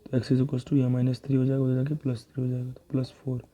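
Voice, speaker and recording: A man's voice: mid-range voice, monotone, fast, dark tone, lo-fi sound. A man teaching a chemistry revision lesson, talking students through worked examples step by step and correcting himself as he goes. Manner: talks students through worked examples, calls them beta; thinks aloud and corrects himself.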